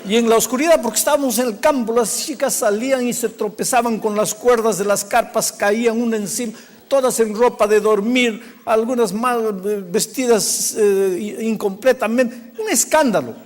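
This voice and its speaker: A male pastor telling a story in a sermon, animated, swinging from loud bursts to hushed, quiet passages. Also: extremely high pitch, moderate pace. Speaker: pastor, preacher. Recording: long hall reverb.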